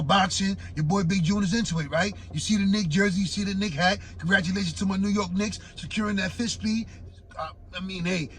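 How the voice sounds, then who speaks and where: A raspy-voiced man with a fairly high pitch hosts a casual sports talk show. He rambles in a laid-back way, dropping "man" and "right" between points. A faint background hiss sits under the voice. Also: fairly bright tone. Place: home in Florida.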